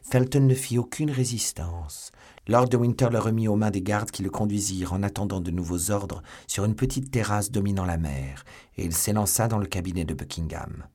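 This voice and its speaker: A man's voice: fairly low pitch, normal speed, darkish tone. A man narrating a classic novel as an audiobook, reading dramatically and voicing every character.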